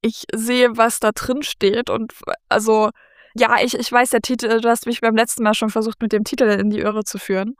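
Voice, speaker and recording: A woman co-host with a smooth, fairly high voice chats playfully and teases her partner. She often restarts her sentences. The sound is dry and close. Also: level tone, normal speed, no echo. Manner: playful, teasing, hesitant restarts. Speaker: podcast co-host. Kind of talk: casual chat.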